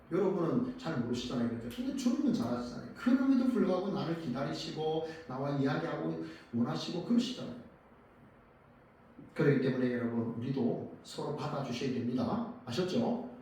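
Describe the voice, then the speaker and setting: A man preaching in a church, his voice rather high and mellow. He asks the congregation questions and answers them himself, rising and falling in volume. The sound is heavily echoey and a little distant from the mic. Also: a little hiss or hum. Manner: dramatic rises and drops in loudness. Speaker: pastor. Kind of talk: sermon. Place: church sanctuary.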